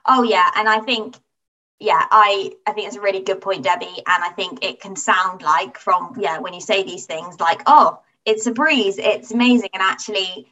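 A woman's voice: mid-range voice, steady tone, normal speed, pushed and bright, distant mic, dull audio. Candid woman guest, off-mic. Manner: candid and reflective, voices her past thoughts. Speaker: interview guest. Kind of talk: conversational interview.

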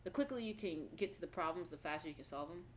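A woman's voice: lowish voice, expressive, quick pace, a little hiss or hum. A woman co-hosting a casual podcast, speaking candidly and trailing off into asides. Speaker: podcast co-host.

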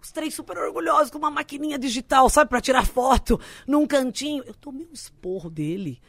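A woman's voice: high voice, a little fast, dry recording. A young adult woman, a comedian telling a story in casual chat and acting out the people she quotes. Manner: animated, acts out quoted people.

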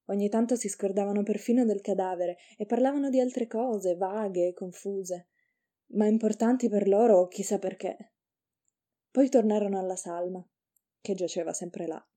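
Woman narrator reading fiction aloud; measured, unhurried delivery, very dark mellow tone. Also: medium pitch.

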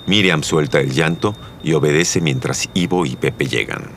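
A man narrating a drama in a measured, solemn way. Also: extremely low pitch, fairly bright tone, a little hiss or hum.

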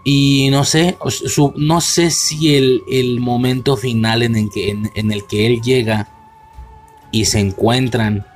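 A young man with a Mexican accent talks through a film in a loose, slangy solo commentary. His voice sits at an ordinary middle pitch, and he keeps circling back to correct himself. Faint music plays under him. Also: fairly even intonation, takes it slowly. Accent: Mexican Spanish. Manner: rambling, slangy, self-correcting. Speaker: podcast host reviewing a film.

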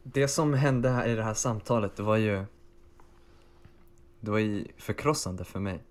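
A man's voice: fairly low pitch, a little mellow. A man co-hosting a podcast, speaking in a theatrical, overwrought way, as in comic melodrama, over a video call. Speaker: podcast co-host.

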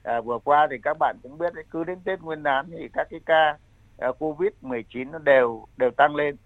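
An older man explains public health advice as an expert guest, in halting, repetitive phrasing. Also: fairly high pitch, no echo. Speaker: medical expert guest, senior health adviser. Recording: thin phone-like line.

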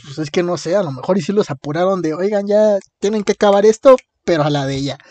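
A man hosting a podcast recaps a comic in a casual, laughing retelling packed with slang, speaking with a Mexican Spanish accent. He has a high-pitched, slightly mellow voice and talks fast. The audio has no echo.

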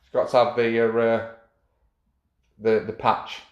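A man's voice: medium pitch, monotone, a little slow, echoey room, dull audio. A man, chatting casually as a club official, rambling with many fillers and restarts. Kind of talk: casual chat.

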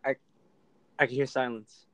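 A co-host in casual chat, teasing in a deadpan way. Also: mid-range voice, normal speed, no room sound, rough recording.

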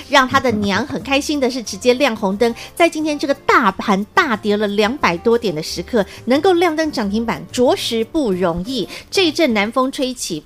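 A woman's voice: fairly high pitch, fairly bright tone. A woman with a Taiwanese Mandarin accent co-hosting a market show in an upbeat, chatty style, often chiming in to agree. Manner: frequent agreeing interjections and echoing. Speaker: co-host.

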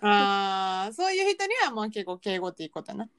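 A woman's voice: mid-range voice, sing-song, brisk, a bit bright, clear, resonant tone. A woman with a Kansai accent chatting casually and reacting as a podcast co-host. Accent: Kansai Japanese. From Kansai, Japan.

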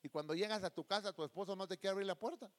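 Male preacher, high-pitched, emotive, sermon storytelling. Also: racing. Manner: emotive, addresses listeners as beloved brother, acts out quoted voices. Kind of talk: sermon with personal testimony.

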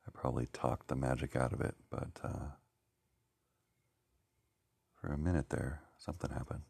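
A man musing slowly and haltingly, searching for words with many pauses and fillers. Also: a bass voice, fairly even intonation, gravelly, darkish tone, breathy edge, no echo. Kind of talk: rambling reflective talk.

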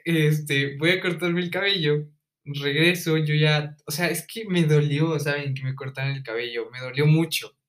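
A young man with a Mexican accent telling stories in casual chat, animated and slangy, acting out the people he quotes. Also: on the high side, unhurried. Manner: animated, acts out quoted voices, slangy and profane.

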